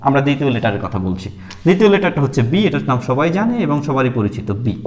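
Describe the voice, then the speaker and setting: A man's voice: mid-range voice, big pitch swings, darkish tone, long reverb tail, slight background noise. A man teaching beginners English letter sounds, explaining patiently and repeating each sound several times. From Bangladesh. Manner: repeats sounds slowly, with many fillers.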